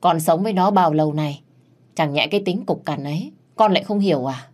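A woman voicing a young husband who calmly reasons in his wife's defense. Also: low-pitched, a little fast. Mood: pleading.

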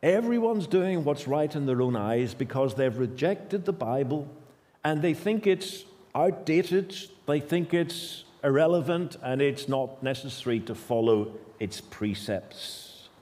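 A Northern Irish man in his fifties preaches an emphatic sermon from a lectern in a church hall, speaking through stand mics and picked up by a far camera. His fairly high, dark-toned voice is animated and a little slow, repeating points and breaking into sudden bursts of speed.

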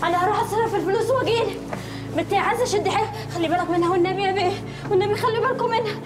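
A woman's voice: very high-pitched, rapid-fire, echoey room, over loud music. A desperate, pleading mother. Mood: frantic. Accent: Egyptian Arabic. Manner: anxious, pleading. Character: desperate poor mother of a sick daughter.

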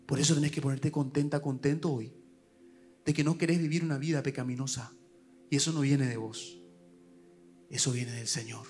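A male pastor with a Paraguayan Spanish accent, preaching a sermon at a church service, swinging from loud urgent calls to hushed asides. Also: mid-range voice, steady tone, moderate pace, pauses often, soft background music.

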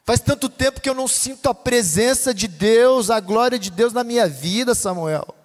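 High-voiced preaching man, fervent. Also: normal speed. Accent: Brazilian Portuguese. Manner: fervent, chanting cadence. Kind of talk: pentecostal sermon. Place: church hall. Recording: long church reverb.

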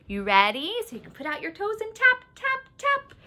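A woman music therapist leading a remote session, singing a simple action song and gently coaching movements between verses. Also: very high voice, sing-song, fairly quick, background noise. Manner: cheerful sing-along leader, gentle coaxing instructions. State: out of breath.

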